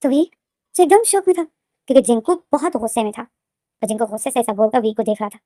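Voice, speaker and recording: A woman retelling a fan fiction story in a casual, fast, repetitive way, often restarting her sentences. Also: fairly high pitch, animated, dark tone, no echo, clean studio sound.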